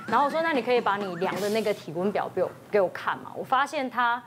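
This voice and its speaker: A woman's voice: mid-range voice, expressive, background noise. A woman doctor on a TV talk show, telling an anecdote and acting out the quoted lines of a worried mother. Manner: retells dialogue, quickly switching into quoted voices. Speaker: emergency room doctor.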